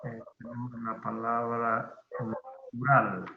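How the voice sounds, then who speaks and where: Man teacher, slow deliberate explaining, tinny call audio. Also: medium pitch, little pitch movement, roomy sound, a little hiss or hum. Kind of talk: online class lecture on spelling.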